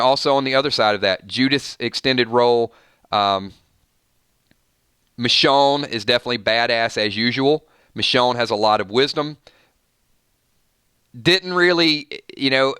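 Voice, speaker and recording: A man hosts a live fan reaction stream in a bright, crisp, mid-range voice. He talks excitedly and rambles, often restarting sentences, and the recording is dry and close with no echo.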